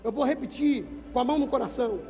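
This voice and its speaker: Pastor with a Brazilian accent, very high-pitched, preaching emphatically into a handheld mic in a gymnasium with long reverb. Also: male voice, fast talker, faint music behind. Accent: Brazilian Portuguese. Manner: emphatic preaching, repeats numbers, urges listeners to shout. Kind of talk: sermon at a youth event. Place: large gymnasium. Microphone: handheld microphone.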